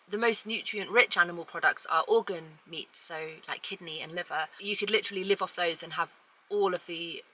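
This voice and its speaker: A woman's voice: lowish voice, sharp tone, poor audio. A woman in her forties giving casual advice to viewers as a video host, recorded inside a small camper van. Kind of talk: casual advice vlog, talking to camera.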